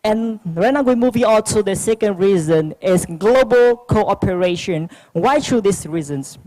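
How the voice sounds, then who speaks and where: At a youth forum, a young adult speaking with a Vietnamese accent gives a prepared speech, faltering with frequent fillers and restarts. The medium-pitched voice is warm with lively intonation, though the recording is rough.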